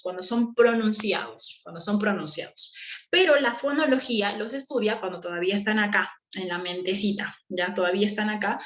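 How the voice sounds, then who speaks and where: A woman's voice: medium pitch, a bit bright. A woman teacher explaining a lesson patiently, repeating key terms and checking that students follow. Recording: echoey room.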